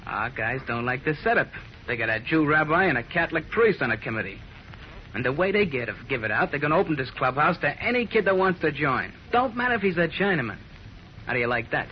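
An actor playing a tough, sly young American gang leader with curt, slangy talk in a 1940s radio drama. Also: male voice, on the high side, big pitch swings, fast talker. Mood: boastful, menacing. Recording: muffled, noisy vintage radio recording.

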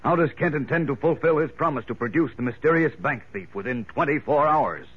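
A man's voice: fairly high pitch, expressive, brisk, breathy edge. A man with an American accent narrating a 1940s radio serial in a dramatic, suspenseful old radio announcer style. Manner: dramatic, suspense-building delivery. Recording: dull, lo-fi vintage radio recording.

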